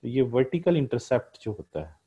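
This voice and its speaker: A man's voice: mid-range voice, sing-song, brisk, dark tone, slightly rough, lo-fi sound. A man giving a recorded economics lecture, explaining a graph step by step with frequent "uh" fillers and repeated pointing words.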